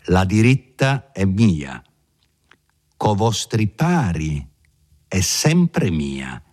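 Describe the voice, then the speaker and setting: A man voicing a proud man defending his honor, answering in a defiant, slow, deliberate way. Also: low-pitched, very animated, a little mellow, exaggerated voice. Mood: defiant, cold.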